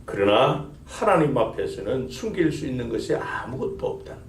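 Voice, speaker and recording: A man's voice: medium pitch, sing-song, normal speed, slight background noise. A male pastor preaching a sermon, building emphasis and asking the congregation rhetorical questions. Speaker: senior pastor. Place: church sanctuary. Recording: echoey church sanctuary.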